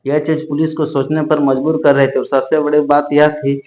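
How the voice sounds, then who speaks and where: Man narrating a true crime story, flat tone. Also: on the high side, normal speed. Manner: unscripted retelling with restarts and self-corrections. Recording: echoey room.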